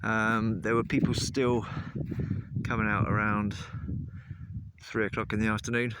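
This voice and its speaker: A man's voice: lowish voice, level tone, unhurried. A man in his late thirties chatting casually and hesitantly as he vlogs on a walk outdoors, thinking aloud as he goes. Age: late 30s. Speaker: vlogger. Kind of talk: casual walking vlog, rambling commentary. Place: outdoors on a countryside track. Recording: outdoor recording with loud wind noise on mic. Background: wind noise.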